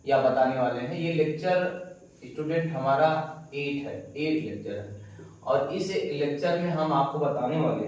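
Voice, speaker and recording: A man lectures a class in a somewhat high voice, repeating key words and answering his own questions. He dictates slowly, phrase by phrase. The recording is very echoey, with the mic well away from him. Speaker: teacher. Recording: very echoey room, voice from far off the mic.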